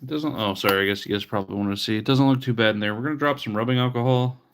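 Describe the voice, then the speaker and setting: Racing along in a mid-range, somewhat bright voice over a little hiss or hum, a man who repairs retro handhelds cleans an old one live. His chat is casual, punctuated by wry, mock-disgusted asides, and allergies make him sound a bit sniffly.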